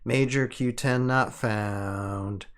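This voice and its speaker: A lazy-sounding cyborg soldier in a robot voice, put on by a man reading a story aloud. His slow, flat system readouts come out hoarse and clipped, pitched in a middle male range with no filter on the voice. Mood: robotic. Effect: robot voice done with his own voice, no filter.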